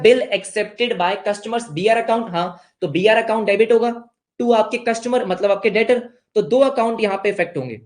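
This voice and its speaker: Young indian guy teaching accounts, jokey, asks and answers himself. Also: high voice. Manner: playful teacher who answers his own questions in a student's voice. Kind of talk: online class lesson.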